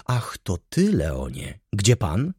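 A man's voice: lowish voice, huge pitch swings, normal speed, a little mellow, slightly rough, no room sound, studio quality, voice pushed up, exaggerated voice. A man voicing a flustered noble lady. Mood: agitated. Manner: agitated, pleading.

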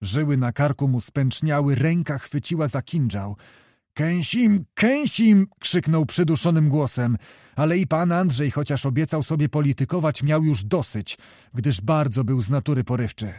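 A mellow male narrator reads a historical novel from a script. His mid-range voice moves at a moderate pace, and the recording is dry with clean studio sound.

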